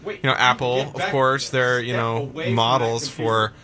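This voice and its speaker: A man co-hosting a radio show from a studio, teasing his partner with dry, deadpan jokes. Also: medium pitch, unhurried, a crowd in the background. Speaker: radio co-host. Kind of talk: casual on-air banter.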